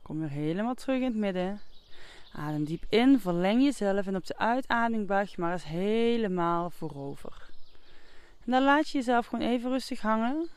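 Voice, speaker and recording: A yoga instructor guiding movement and relaxation in a calm, soothing, unhurried manner. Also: medium pitch, clean tone, dry recording.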